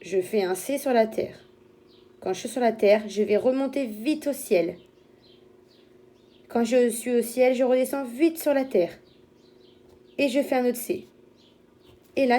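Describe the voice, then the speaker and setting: Mellow-voiced teacher guiding young children. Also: female voice, on the high side. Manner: slow, step-by-step explaining with simple imagery. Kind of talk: handwriting lesson for young children.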